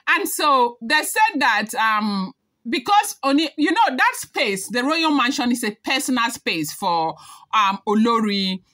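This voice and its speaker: Bright, chatty woman gossiping. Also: a little high, sing-song, measured pace. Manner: chatty, hedging with repeated disclaimers. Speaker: celebrity gossip vlogger. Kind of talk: casual gossip commentary to camera.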